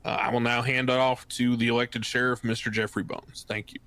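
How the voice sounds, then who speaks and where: A man playing a diplomatic official in game role-play, making a formal announcement in a measured, hesitant manner. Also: mid-range voice, level tone, a bit bright, clean tone, close to an everyday voice.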